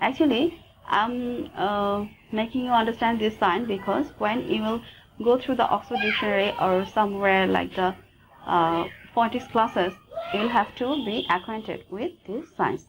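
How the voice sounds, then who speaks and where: A woman with a Bengali accent teaching English phonetics, talking slowly and deliberately and repeating each sound for practice. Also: medium pitch, background noise. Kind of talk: phonetics lesson.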